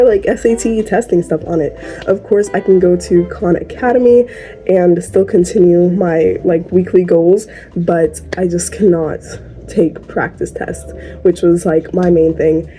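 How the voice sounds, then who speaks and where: A woman's voice: fairly low pitch, dark tone. A teenage girl chatting casually to her viewers in a home vlog, giggly and tired, with a sore throat. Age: teens. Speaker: vlogger.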